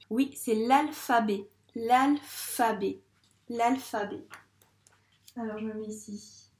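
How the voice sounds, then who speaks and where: A woman's voice: on the high side, echoey room. A woman teacher giving a patient video lesson to a young child, stretching out words syllable by syllable. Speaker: primary school teacher.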